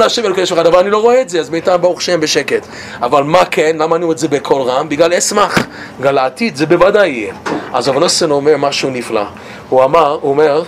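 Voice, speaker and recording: Animated man teaching Torah, noisy recording. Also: medium pitch. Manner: animated, stammers and repeats words, laughs while telling stories.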